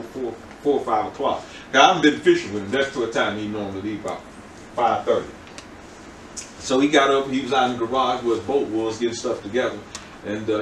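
A man's voice: medium pitch, recorded from a distance, slight background noise. An older man preaching a sermon as pastor, in a rambling, conversational way with many repeated words. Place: church. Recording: echoey room, from the mic.

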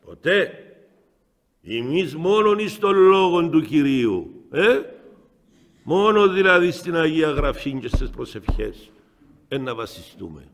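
A middle-aged man with a Cypriot Greek accent, a bishop telling stories in a spiritual talk, swinging between loud exclamations and soft asides. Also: a little high, sing-song. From Cyprus. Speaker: metropolitan bishop. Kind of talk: spiritual talk answering the faithful. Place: chapel. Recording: long chapel reverb.

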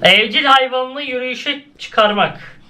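Reacting casually to cartoon clips, a young man exclaims and laughs a lot, his voice moving between high and low. He speaks slowly with a sharp tone, and there's slight background noise.

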